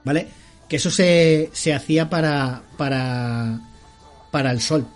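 A man's voice: on the high side, a little slow, faint music behind. A man narrating as game master, explaining rules and often checking in with the players, laughing along.

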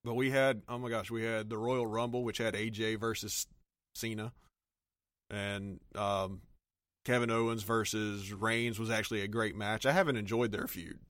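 Male podcast co-host with a low voice, dry recording, enthusiastic recap tone. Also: steady tone, normal speed, fairly bright tone, no echo. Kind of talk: casual chat.

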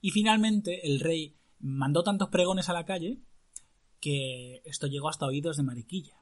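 A man telling a folk tale aloud to a listener in a lively, earthy, colloquial way. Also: on the high side, normal speed. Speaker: storyteller.

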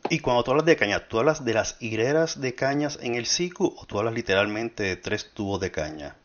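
A man's voice: medium pitch, lively intonation, fairly quick. A man from Puerto Rico hosting an interview, eager and explaining things for the listeners. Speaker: host. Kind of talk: interview conversation. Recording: muffled lo-fi audio.

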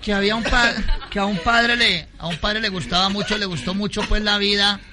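A Colombian man telling jokes in rapid-fire punchlines and laughing through them. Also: high-pitched, steady tone, background noise. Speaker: comedian. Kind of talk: stand-up joke telling.

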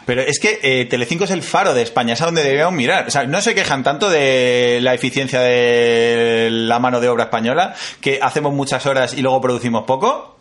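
A man from Spain co-hosting a podcast, talking with ironic, deadpan humor. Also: medium pitch, fairly quick, hardly any pauses. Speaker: podcast co-host. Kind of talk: casual comedic chat.

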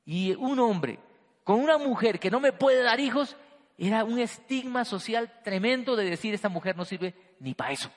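A man preaching a sermon to a congregation, swinging between loud emphasis and quiet, hushed lines. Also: sits high, expressive, normal speed. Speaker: pastor. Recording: long hall reverb.

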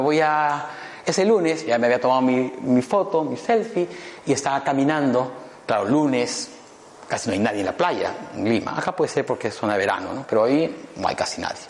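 A man, giving a playful motivational talk full of jokes and asides to his audience. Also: mid-range voice. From Peru. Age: 50s. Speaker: motivational speaker. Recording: echoey hall with long reverb, faint noise.

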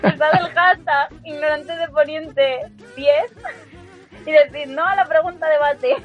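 Giggly high-voiced woman guest. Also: fairly even intonation, measured pace, muffled recording, faint music behind. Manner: giggly, playful. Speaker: podcast guest. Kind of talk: casual chat.

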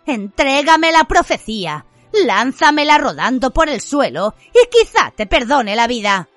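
A woman putting on a cruel, fanatical witch who shrieks in a high, piercing voice that leaps wildly up and down. She sounds unhinged and desperate, screeching each line in a dry, close storybook reading. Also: very animated, a little slow, a bit bright, dry recording, soft background music, exaggerated voice. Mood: taunting. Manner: shrill, screeching.

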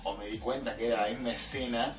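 A young man, co-hosting a comedy podcast. He cuts in with sarcastic jokes and quick asides. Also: mid-range voice, fairly even intonation, far from the mic, faint music behind. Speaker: podcast co-host. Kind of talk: casual comedic banter. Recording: echoey room, off-mic.

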